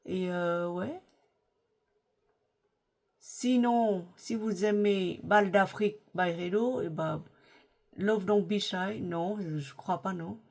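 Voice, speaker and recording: A middle-aged woman talks casually to her viewers at a slow, unhurried pace. She is chatty and hesitant, often restarting her sentences and filling pauses. Her pitch sits in an ordinary middle range. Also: darkish tone. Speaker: lifestyle vlogger. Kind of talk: casual chat about perfumes.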